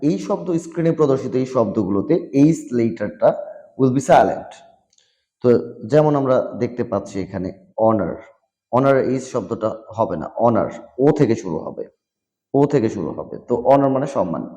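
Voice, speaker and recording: A man teaching English vocabulary in a slow classroom style, repeating each word and its meaning and slipping into English phrases. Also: medium pitch, lively intonation, warm tone, highs cut off. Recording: long hall reverb.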